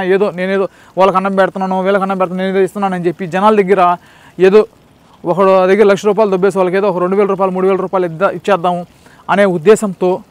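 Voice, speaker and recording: A man's voice: high voice, no echo. A man hosting his own channel, lecturing the viewer in a casual monologue, repeating himself and firing rhetorical questions. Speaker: channel host. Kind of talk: casual talking-to-camera monologue.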